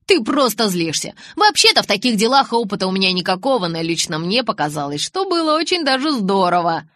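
A woman voicing a cocky, teasing teenage boy who talks loudly and brashly in an audiobook. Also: mid-range voice, very animated, brisk, dry recording, clean studio sound. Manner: loud, brash and insistent.

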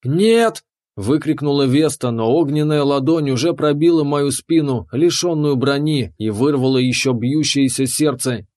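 A man reading a first-person fantasy audiobook in a steady, measured way. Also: mid-range voice. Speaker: audiobook narrator. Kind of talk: scripted fantasy narration.

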